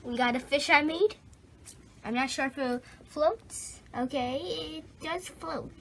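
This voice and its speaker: A woman's voice: high-pitched, a little slow, fairly bright tone, a little hiss or hum. A woman narrating her bath toy play for kids in a playful, casual way, making little bloop and quack sounds. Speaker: toy video host.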